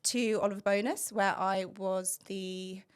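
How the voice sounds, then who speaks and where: A woman's voice: mid-range voice, fairly even intonation, a little slow, clear, resonant tone. A woman in her thirties from England, a podcast guest talking at length about her career and laughing often. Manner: talkative, laughs often, long-winded. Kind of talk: casual chat.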